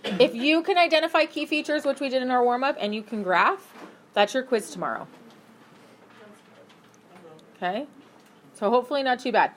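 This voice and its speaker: Upbeat woman teacher, slightly high voice, classroom lesson with faint noise, brisk and questioning. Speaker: math teacher.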